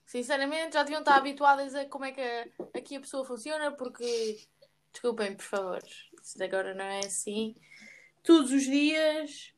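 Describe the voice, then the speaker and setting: A young woman with a European Portuguese accent in casual chat with a friend, quick and animated, often talking over her. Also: sits high, a little hiss or hum.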